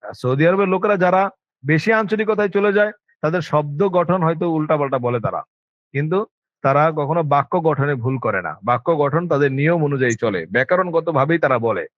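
Speaking in an animated, brisk way, this man teaches Arabic to students with a Bangladeshi Bengali accent, pressing his points emphatically and posing rhetorical question after rhetorical question. For a male voice it sits rather high. The audio is dry and dull, like a lo-fi recording.

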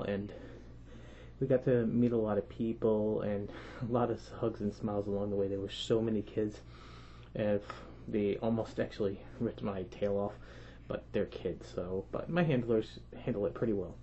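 A young man vlogging from inside a costume head, so his voice comes out muffled. He has a warm, mellow tone and a chatty, rambling way of telling his story. The recording is a bit dull and lo-fi, with faint noise behind him. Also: lowish voice. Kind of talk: casual storytelling to camera.

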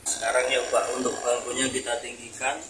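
A young seller's casual product demonstration, in which he informally calls viewers boss, is recorded as a noisy home video with clicks. He speaks fairly quickly in a mid-range voice with little pitch movement.

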